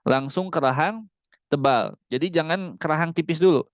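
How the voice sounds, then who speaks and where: A man teaching Quran recitation in an online class over a close mic. He explains each rule, then models the words in long, drawn-out recitation. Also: on the high side, no room sound, dull audio. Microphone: close mic on a video call.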